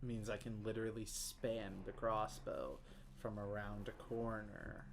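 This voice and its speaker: A man's voice: lowish voice, a little slow. A man from the Southern US with a Southern accent, rambling and joking through casual gameplay commentary while he streams. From Southern United States. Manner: rambling, self-mocking jokes, sudden excited squeals. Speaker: game streamer. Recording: clear keyboard typing and clicks behind.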